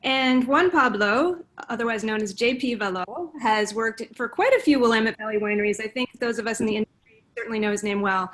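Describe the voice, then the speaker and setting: A woman's voice: a little high, fairly quick, a bit bright. A woman moderating a virtual panel, introducing each guest in an upbeat way.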